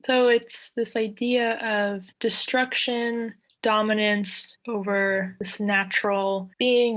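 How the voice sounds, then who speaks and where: A woman's voice: medium pitch, fairly bright tone. A young adult woman, a guest artist, talking reflectively in a casual interview, with many filler words. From United States.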